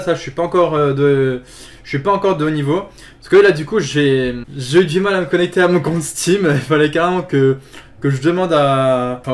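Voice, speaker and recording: Chatty gamer guy, slightly high voice. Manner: chatty, filler-heavy, repeats "tout simplement"; excited yelps during fights. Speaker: gaming video host. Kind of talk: casual let's play commentary.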